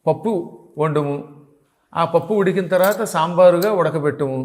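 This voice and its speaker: A man's voice: fairly high pitch, normal speed, a little mellow. An older man, a spiritual teacher, explains devotional practice in a didactic way, sounding out syllables and chuckling at his examples. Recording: long hall reverb.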